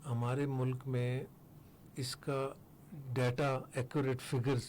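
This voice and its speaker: Measured older man, radio interview guest. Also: medium pitch, flat delivery, darkish tone, slight background noise. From Pakistan. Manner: measured, explanatory, pauses with fillers. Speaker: interview guest, foundation head. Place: radio studio.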